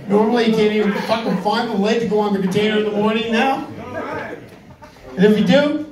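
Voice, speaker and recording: High-pitched man doing stand-up, crowd laughing. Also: a little fast. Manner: conversational, profane, exasperated complaining. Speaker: amateur stand-up comedian. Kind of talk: stand-up comedy set. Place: live comedy venue with audience. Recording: echoey room, distant mic, audience laughter.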